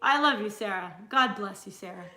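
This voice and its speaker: A woman hosting a casual live-stream chat, frank and chatty and quick to laugh, talking from home. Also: medium pitch, lively intonation, sharp tone. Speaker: cooking channel host. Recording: roomy echo.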